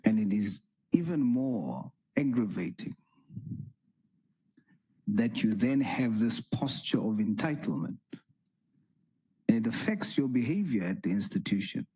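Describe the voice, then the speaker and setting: A man grills a witness at a hearing, asking slowly and insisting on answers. His voice is low and husky, with a dark tone. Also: expressive, poor audio. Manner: slow, pressing, repeats his questions. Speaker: parliamentary committee member. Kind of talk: formal questioning at a hearing.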